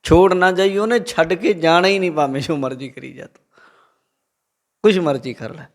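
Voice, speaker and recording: Punjabi man preaching with a lively story. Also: a little high, moderate pace. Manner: lively, quotes the Guru and tells a story to the congregation. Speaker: Sikh preacher. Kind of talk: religious discourse with storytelling.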